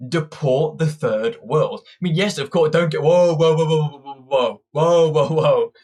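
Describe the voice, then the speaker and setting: His voice sits on the high side, a little slow and a little mellow, as this young British political commentator gives a combative, ranting monologue full of opinion. He keeps restarting his sentences.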